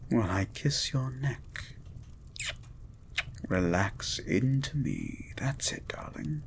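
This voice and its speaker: A man playing a gentle, erudite beast of a scientist in a romantic audio roleplay, speaking in eloquent, formal, flirtatious phrases and lingering over his words. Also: on the low side, a little hiss or hum, full character voice. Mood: amorous.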